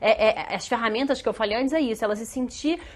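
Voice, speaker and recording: A Brazilian woman with a slightly high voice talks as a guest on a studio talk show. She hesitates often, filling pauses and restarting her sentences as she works through each point. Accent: Brazilian Portuguese. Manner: hesitant, many fillers and restarts. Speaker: guest specialist.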